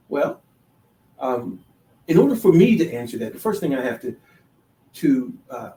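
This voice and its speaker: A man hosting a solo talk show, halting with many restarts, then building to emphatic, sermon-like declarations. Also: mid-range voice, big pitch swings, warm tone. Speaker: podcast host. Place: DC, Maryland, Virginia area. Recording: echoey room, voice far from the mic.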